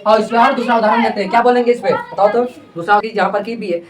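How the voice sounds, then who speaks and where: A woman's voice: mid-range voice, fast. A woman teacher leading a classroom grammar lesson, asking questions over and over and having pupils repeat answers. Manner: repetitive call-and-response questioning. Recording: voice distant from the mic.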